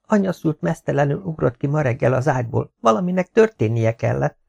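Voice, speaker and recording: A blunt, knowing maidservant from a storybook, giving advice briskly and matter-of-factly. A male narrator puts her on in a high voice. A rough, gravelly grain stays under it. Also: lively intonation, darkish tone, heavily acted. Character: blunt, knowing female servant.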